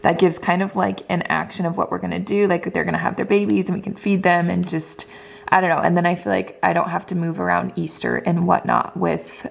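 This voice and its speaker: A woman's voice: lowish voice, gravelly. A woman vlogging casually from home as a stay-at-home mom, gushing and full of "like" fillers. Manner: gushing, filler-heavy talk. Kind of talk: casual vlog chat.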